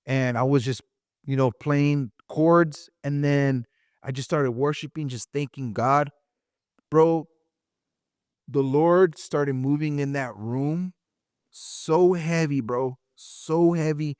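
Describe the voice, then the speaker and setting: A man's voice: on the high side, takes it slowly, darkish tone, clean tone, no room sound, studio quality. A man, co-hosting a podcast and sharing a personal testimony in an emotional way, repeating phrases and saying "bro" often. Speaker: podcast co-host. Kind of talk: casual chat, personal testimony.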